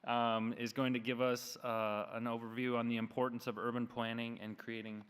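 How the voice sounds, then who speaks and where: A man moderating a session, introducing speakers in a relaxed way with many ums. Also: medium pitch, moderate pace, smooth. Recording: reverberant hall.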